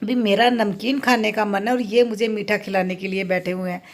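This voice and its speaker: A middle-aged woman, chatting casually in a family vlog, playfully indignant and quick to laugh as she tells her story. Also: medium pitch, fairly even intonation. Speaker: family vlogger.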